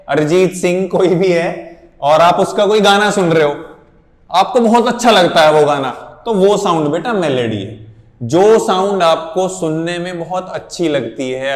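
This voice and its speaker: A man teaching physics, patiently explaining and calling students "beta". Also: high voice. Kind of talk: classroom lecture. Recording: echoey room with long reverb.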